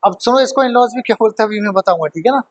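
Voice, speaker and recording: A man with a high voice teaches a grammar class at a very fast pace, quizzing students, repeating key points, and slipping English terms into his explanations. The recording has its highs cut off.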